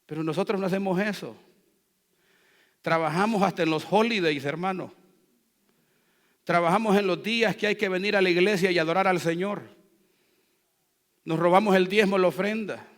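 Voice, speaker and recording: A man preaching a sermon as pastor, leading the congregation in call-and-response and swinging between quiet asides and loud, fervent exhortation. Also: sits high, moderate pace, pauses often. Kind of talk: Spanish-language church sermon. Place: church sanctuary. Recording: long reverb of a church hall.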